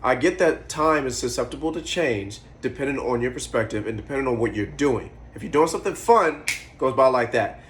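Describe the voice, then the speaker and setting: Young guy in his 20s vlogging, rambly, swears a lot, just thinking out loud. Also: mid-range voice, animated, brisk, slight background noise. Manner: rambling, profane, musing aloud; eating while talking. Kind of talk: casual monologue to camera.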